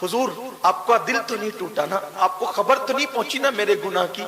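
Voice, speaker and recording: A remorseful young man, broken with guilt, pleads in hushed, softer tones, as a male preacher acts him out within a sermon. The voice stays high and bright and rings through an echoey hall with a long reverb. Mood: pleading.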